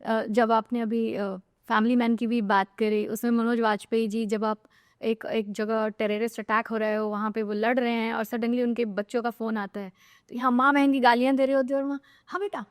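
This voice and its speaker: Curious higher-voiced woman host. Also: flat delivery, moderate pace, clear, resonant tone, dry recording, clean studio sound. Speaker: podcast host. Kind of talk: conversational interview.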